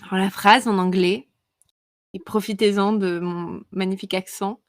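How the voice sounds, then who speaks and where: A woman co-hosting a casual podcast chat, giggly and quick, often breaking off mid-sentence. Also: mid-range voice, fairly even intonation. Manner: giggly, quick, easily distracted. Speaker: podcast co-host.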